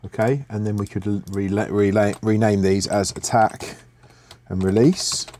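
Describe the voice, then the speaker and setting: Speaking at a normal speed in a lowish voice, a middle-aged man walks through music production software in a screen-share tutorial from his home studio. His delivery is relaxed and exploratory, sprinkled with fillers and restarts.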